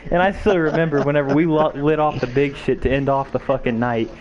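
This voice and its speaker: A man's voice: medium pitch, steady tone, brisk, lo-fi sound, a crowd in the background. Rambling, swearing young man chatting. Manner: rambling, swearing, many fillers and restarts. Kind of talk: casual chat while gaming.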